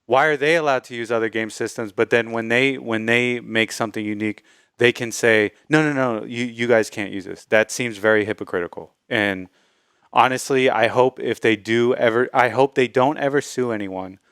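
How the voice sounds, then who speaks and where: Male podcast co-host, relaxed and conversational, clean resonant tone, dry sound. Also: medium pitch, normal speed, clean tone, no room sound. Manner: easygoing, reads news quotes aloud. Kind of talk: casual chat.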